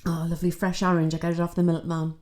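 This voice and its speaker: A middle-aged woman with a low, mellow voice talks her viewers through a spiritual reading. She rambles in a chatty way, drifting into mystical asides. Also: level tone, quick pace. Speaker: psychic. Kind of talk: casual livestream spiritual reading.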